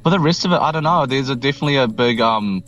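A young man in his twenties with a New Zealand accent, chatting casually about his band in a relaxed, rambling way with lots of fillers and restarts. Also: medium pitch, very fast, highs cut off, soft background music. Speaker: band member guest. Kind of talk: casual interview chat.

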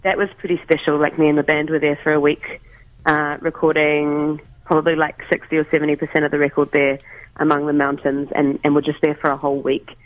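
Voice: medium pitch, monotone, brisk, dry recording. A musician guest talking casually by phone from home, hesitant, with many ums and restarts. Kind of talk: casual interview over the phone. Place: at home, making coffee. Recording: tinny phone line.

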